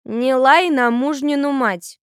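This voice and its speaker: A woman reading an audiobook, voicing a pious old village grandmother with a shrill, scolding manner. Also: moderate pace, smooth, no room sound, clean studio sound, close to an everyday voice. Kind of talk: audiobook character voice.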